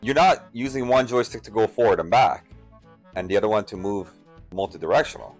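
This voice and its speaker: A man streaming a game, giving casual, excitable commentary while thinking aloud and reading chat. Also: on the low side, brisk, faint music behind. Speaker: gaming streamer.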